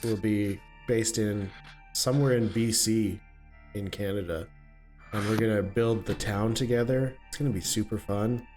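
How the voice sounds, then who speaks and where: A man in his late twenties hosts and runs a tabletop game as game master, chatting casually with lots of fillers. His lowish voice is steady, a little mellow, and at a normal speed, with faint music in the background.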